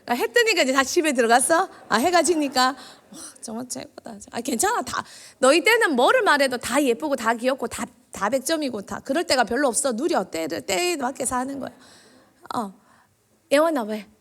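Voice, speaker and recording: Woman doing a kids' sermon, high bouncy voice, keeps asking the kids questions. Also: fairly quick, creaky. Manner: animated, quizzing children with questions. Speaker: children's minister. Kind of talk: interactive children's sermon. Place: church.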